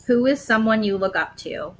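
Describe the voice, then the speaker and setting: A woman's voice: a little high, lively intonation, moderate pace, a little hiss or hum, poor audio. A woman and parent casually interviewing her child at home, prompting with leading questions and filling in answers. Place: family home.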